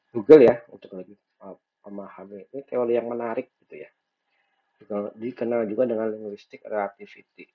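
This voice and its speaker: A man's voice: fairly low pitch, husky. A man giving a recorded lecture, thinking aloud with frequent fillers and restarts. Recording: dull lo-fi recording.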